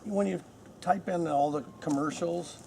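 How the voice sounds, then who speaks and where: Gravelly-voiced man with wry crew stories. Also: fairly high pitch, measured pace, dark tone, a little hiss or hum. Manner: gravelly, wry industry anecdotes. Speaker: panel guest, film crew veteran. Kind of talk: convention panel Q&A.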